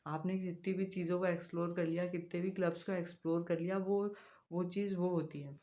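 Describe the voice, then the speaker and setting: A young man, talking casually to the camera in a vlog. He is soft-spoken and rambling, with frequent fillers. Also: sits high, fairly even intonation, a little fast. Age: young adult. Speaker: vlogger.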